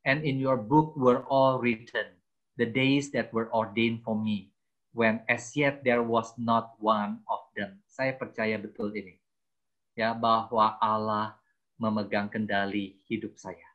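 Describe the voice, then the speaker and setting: A man's voice: fairly low pitch, fairly even intonation, takes it slowly, a bit bright, lo-fi sound. Chatty Indonesian man in his sixties. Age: 60s. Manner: chatty, self-mocking, mixes in English. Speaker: guest speaker, theology teacher. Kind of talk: personal testimony to a youth group.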